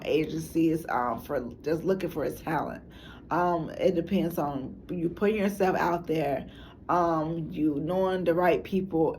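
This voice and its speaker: A woman's voice: low voice, darkish tone, a little hiss or hum. A woman from Chicago with a Chicago accent, talking loosely and casually to camera for her own documentary, often restarting her sentences. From Chicago, United States. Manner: loose, meandering storytelling with frequent restarts. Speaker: documentary maker and narrator.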